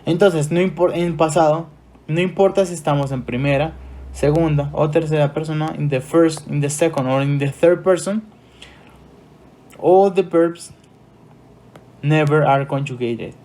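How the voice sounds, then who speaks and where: A man with a Colombian Spanish accent teaching an English grammar lesson, switching between Spanish explanations and slow English examples. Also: fairly high pitch, mellow.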